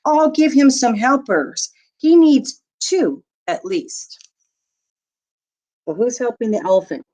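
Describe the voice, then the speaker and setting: A woman with a slightly high, sing-song voice and a dark tone reads rhyming verse from a picture book. She storytells like a teacher for young children, with expressive, deliberate delivery.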